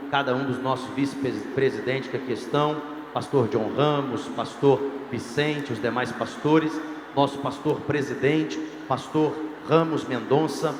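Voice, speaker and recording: Addressing a youth congress in a large hall, a medium-pitched male pastor preaches with emphatic, rising cadence. There's hall echo, faint crowd ambience, and a slight hiss or hum.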